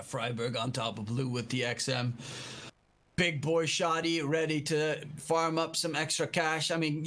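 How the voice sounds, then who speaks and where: A man giving excitable live play-by-play esports commentary on a shooter match, building in intensity at key moments. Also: mid-range voice. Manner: excitable, rising to shouts at key plays. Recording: clear background noise, clicks.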